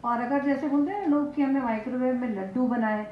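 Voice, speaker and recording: An older woman chef with an Indian accent hosts a cooking show, walking the camera through a dish step by step in her home kitchen. Her voice sits high and moves a little fast. The indoor recording is echoey and muffled, with noise.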